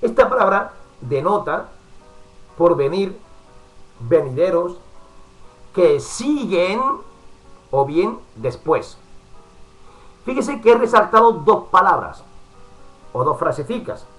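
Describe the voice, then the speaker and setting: Male preacher, fairly high voice, pastoral Bible-study sermon, chatty asides, soft music underneath. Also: big pitch swings, low-quality recording. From Spain. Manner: warm pastoral address with frequent asides, pausing to work the computer.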